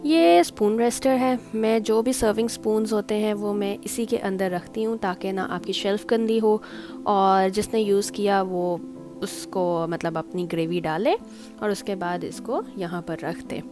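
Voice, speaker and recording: A woman's voice: medium pitch, steady tone, a little slow, music in the background. A woman casually walking through a home table-setting demonstration, talking step by step and mixing in English words. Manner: chatty, explains step by step, mixes in English words. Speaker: home cooking channel host.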